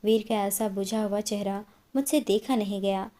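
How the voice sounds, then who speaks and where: A woman's voice: mid-range voice, fairly even intonation, moderate pace, dark tone. Woman narrating an emotional story. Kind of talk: first-person story narration.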